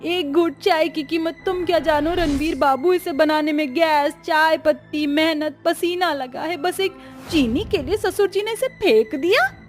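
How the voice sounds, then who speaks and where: Woman voicing a cartoon bride, Bhojpuri-tinged accent, high-pitched, theatrical, scheming. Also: unhurried, soft background music. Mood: indignant. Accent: Bhojpuri-tinged Hindi. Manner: shrill theatrical wailing and scheming.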